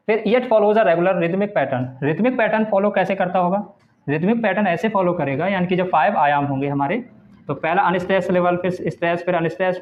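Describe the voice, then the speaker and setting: A man teaching English literature in a Hindi lecture, reading English definitions slowly and then explaining them patiently. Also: high voice. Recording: tinny phone-like sound.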